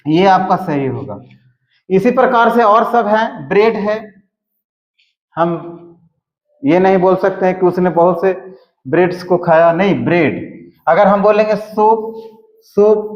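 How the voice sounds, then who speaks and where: A man teaching English grammar, explaining slowly and repeating words as he writes out examples. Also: high-pitched. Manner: slow, repeats words while writing examples. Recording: echoey room, dull lo-fi sound.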